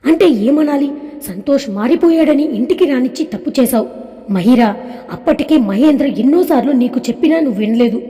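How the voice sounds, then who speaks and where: A stern, angry older father, as a woman narrator voices him, scolding in a high mellow voice. Long hall reverb hangs on every line of this storybook reading. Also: animated, a little fast. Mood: lecturing.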